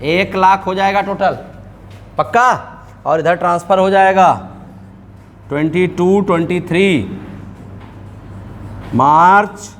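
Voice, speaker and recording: High-voiced man teaching an accounting class. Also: fairly even intonation, takes it slowly, pauses often, a bit bright, slight background noise. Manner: mixes English terms into talk, asks students questions. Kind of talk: classroom lecture.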